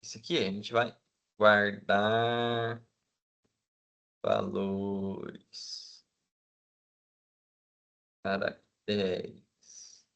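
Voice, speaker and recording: A man teaching a class, checking in with the students all the time and filling pauses with hesitant sounds. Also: on the low side, creaky, a bit bright. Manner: asks the class for agreement constantly; fills with "né?" and hesitant "é". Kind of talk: classroom lecture.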